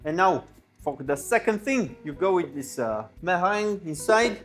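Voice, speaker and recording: A man playing an excitable French chef with a French accent, giving a casual, exclamatory step-by-step cooking tutorial. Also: high voice, normal speed, faint music behind. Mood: instructive, encouraging. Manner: exclamatory, sprinkles in French interjections and kitchen sound words. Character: excitable French chef, a man, teaching soufflé with fussy delight. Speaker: cooking show presenter.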